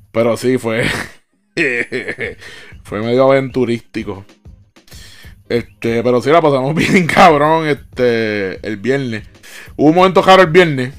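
A young man with a Puerto Rican accent telling a casual, slang-heavy story as a podcast host, acting out what people said and laughing along. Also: medium pitch. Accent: Puerto Rican Spanish. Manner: slangy, animated storyteller who mimics dialogue and laughs.

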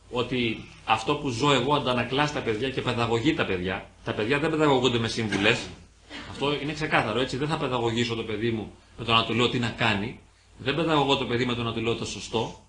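Earnest man giving a pastoral talk. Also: mid-range voice. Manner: earnest, gentle pastoral counselling with everyday examples. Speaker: invited speaker on marriage. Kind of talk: parish talk with audience questions. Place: church.

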